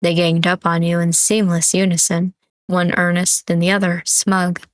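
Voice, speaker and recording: Low-voiced woman streamer reading a story. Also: moderate pace, dry recording. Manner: relaxed, with asides and self-corrections. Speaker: streamer reading a visual novel. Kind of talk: reading a story game aloud.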